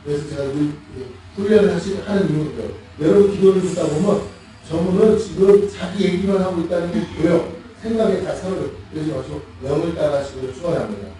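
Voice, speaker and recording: Animated high-voiced pastor in echoey hall. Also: male voice, brisk. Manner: animated, asks the congregation questions, laughs while mimicking. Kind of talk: sermon. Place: church sanctuary. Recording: echoey church hall, mic far off.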